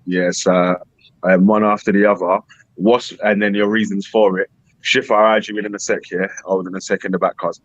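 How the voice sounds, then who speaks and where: The moderator of this relaxed live panel is a man speaking London roadman English, full of slang and frequent tag questions. He talks briskly in a lowish, level voice; the audio is dull, with no room sound.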